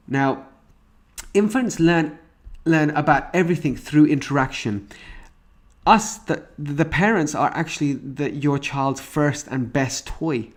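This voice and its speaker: A man teaching a recorded parenting course, explaining each point step by step with frequent restarts. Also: medium pitch. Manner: walks through examples and stages step by step.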